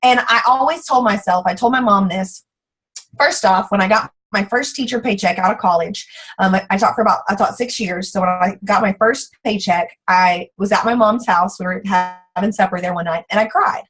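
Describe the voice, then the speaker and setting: A woman, chatty and animated, telling her personal testimony and acting out what people said. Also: mid-range voice, moderate pace, slightly rough, poor audio. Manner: chatty, animated storytelling with acted-out quotes. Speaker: product distributor giving a testimonial.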